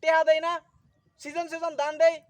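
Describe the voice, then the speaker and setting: A man's voice: extremely high pitch, monotone, fairly quick, no echo. A man in a comedy sketch playing a newly married husband, talking in an exasperated, scolding way in a rural Bangladeshi Bengali dialect.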